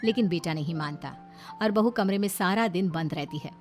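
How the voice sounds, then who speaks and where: A woman's voice: lowish voice, moderate pace, darkish tone, faint music behind. A woman reading scripted, dramatic narration for a moral story.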